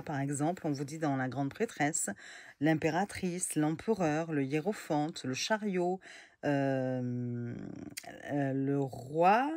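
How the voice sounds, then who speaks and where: A woman's voice: deep voice, a little mellow. A woman casually reviewing tarot and oracle decks, chatty and hesitant with many fillers. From France.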